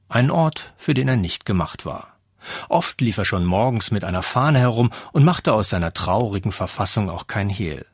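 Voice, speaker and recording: Man reading audiobook, very low voice, husky, dry close sound, measured narration. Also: no room sound. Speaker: audiobook reader. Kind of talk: scripted narration.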